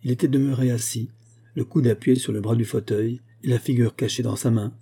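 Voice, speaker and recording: Dark-voiced male audiobook narrator. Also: mid-range voice, fairly even intonation, fairly quick, slightly rough. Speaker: audiobook reader. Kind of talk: scripted narration.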